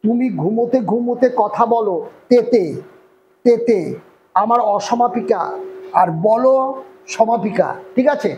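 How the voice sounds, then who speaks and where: A Bengali-accented man runs an online grammar lesson, with a voice that sits unusually high for a man. He walks through each point step by step and keeps checking whether the class has followed. A faint hum of ambient noise sits under the recording. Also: normal speed, darkish tone, poor audio. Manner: explains step by step, often checks "clear?". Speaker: grammar teacher.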